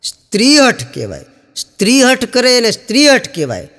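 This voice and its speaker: Male stand-up comic, high voice, spins jokes as stories, hall reverb. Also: huge pitch swings, normal speed, bright, forceful tone. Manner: storytelling, acting out quoted characters with raised pitch. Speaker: stand-up comedian. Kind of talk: Gujarati joke telling to an audience.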